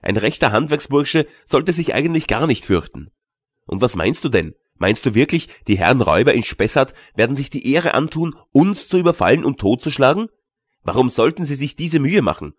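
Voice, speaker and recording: A man's voice: medium pitch, very animated, normal speed, no echo, clean studio sound. A man reading an audiobook, voicing a bold young journeyman who scoffs and lectures his nervous companion. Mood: scoffing.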